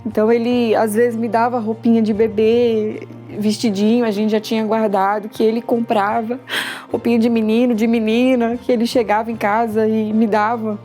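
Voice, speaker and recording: A woman's voice: on the high side, little pitch movement, moderate pace, mellow, faint music behind. A young woman with a Brazilian Portuguese accent gives a personal testimonial, retelling events emotionally with quoted dialogue. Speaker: patient giving a testimonial.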